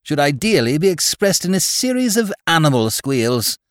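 A man's voice: fairly high pitch, big pitch swings, moderate pace, dry recording, studio quality, voice pushed up. A man voicing an earnest, pretentious woman author who pronounces her views impressively.

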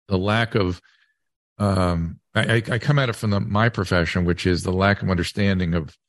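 A man hosting a casual interview, rambling and thinking aloud in a halting way. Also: deep voice, no echo, studio quality. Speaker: podcast host and interviewer.

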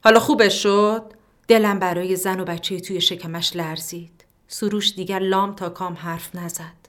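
A woman reading a literary short story aloud as narrator, in a calm, measured way that turns quiet for inner thoughts. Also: fairly low pitch.

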